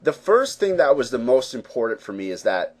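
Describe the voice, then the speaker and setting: A man's voice: mid-range voice, sing-song, fairly quick. A man hosting a live trading webinar, explaining charts in a conversational way with lots of fillers and check-ins with viewers. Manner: conversational, many fillers and "right, guys?". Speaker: forex trading webinar host. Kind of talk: live webinar teaching, casual.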